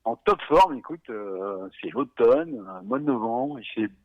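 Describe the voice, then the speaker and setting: A man in his forties from Savoie, talking casually as a podcast guest, relaxed and hesitant, with many fillers and little chuckles. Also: medium pitch, measured pace, vocal fry, narrow, tinny audio. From Savoie, France. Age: 40s. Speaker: guest, beer company founder.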